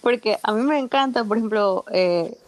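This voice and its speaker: A young woman, chatting as a podcast guest in a relaxed, agreeable way. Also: fairly high pitch, moderate pace. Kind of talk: casual chat.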